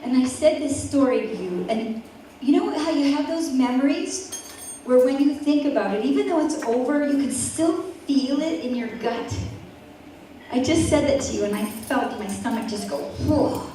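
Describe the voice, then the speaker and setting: A woman in her forties telling a personal story at an event, with vivid, dramatic pauses. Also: high voice, animated, dark tone, a little hiss or hum. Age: 40s. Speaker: event speaker. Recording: echoey hall from far off, faint ambience.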